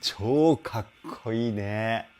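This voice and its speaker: A man's voice: fairly low pitch, takes it slowly, darkish tone. A man working as a vocal trainer, giving enthusiastic, explanatory commentary as he analyzes a song.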